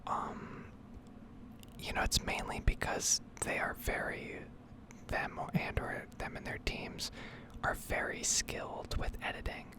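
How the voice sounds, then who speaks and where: This gaming ASMR creator whispers in a breathy, slightly creaky way. Her game commentary is improvised and meandering, delivered slowly and with hesitation.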